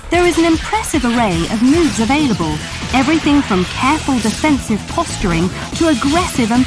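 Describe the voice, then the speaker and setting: A woman reading scripted promotional narration in a polished, enthusiastic presenting manner. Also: fairly high pitch. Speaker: video game newsreel narrator. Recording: music bed behind the voice.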